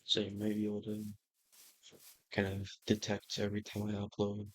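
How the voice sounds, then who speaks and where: A man's voice: on the low side, completely flat delivery, normal speed, slight background noise, rough recording. A young man chatting casually and rambling over his gameplay, swearing now and then. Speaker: gaming YouTuber. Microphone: computer microphone.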